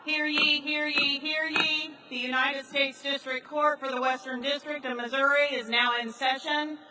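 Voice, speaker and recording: Lady bailiff doing the formal court call, loud n high, kinda far from mic in a big echoey room. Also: little pitch movement, moderate pace, soft background music. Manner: loud ceremonial calling-out. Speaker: court bailiff opening the session. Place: large grand hall. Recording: echoey large hall, distant mic.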